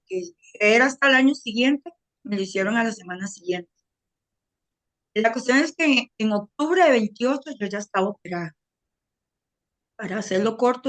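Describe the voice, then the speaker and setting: Costa Rican woman, middle-aged, mid-pitched; earnest first-person testimony with quoted dialogue. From Costa Rica. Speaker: testimony speaker.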